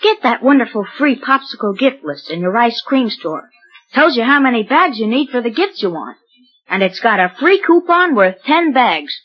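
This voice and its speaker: A cheery boy selling on an old 1930s radio ad. The voice is eager and very animated, a little husky, through dull lo-fi sound. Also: fairly high pitch, normal speed. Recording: muffled 1930s radio broadcast.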